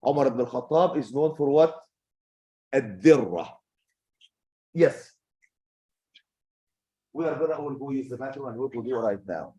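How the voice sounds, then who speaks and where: A man's voice: medium pitch, expressive, measured pace, long pauses, dark tone, breathy edge. A man teaching a youth religious circle as sheikh, speaking directly and admonishingly and asking rhetorical questions.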